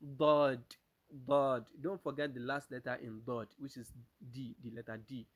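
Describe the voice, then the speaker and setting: A man's voice: medium pitch, steady tone, takes it slowly, a bit bright, slightly rough. A man teaching Arabic pronunciation, who repeats each letter sound aloud several times, asks the class if they follow, and switches between English and Arabic. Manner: asks the class rhetorical checks. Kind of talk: pronunciation lesson.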